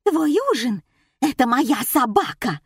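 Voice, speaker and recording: A woman voicing a shrill, hysterical woman who screams in outrage over her little dog. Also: lively intonation, unhurried, slightly rough, dry recording, clean studio sound, heavily acted. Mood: outraged. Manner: shrieking, outraged. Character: shrill hysterical woman, small dog's owner.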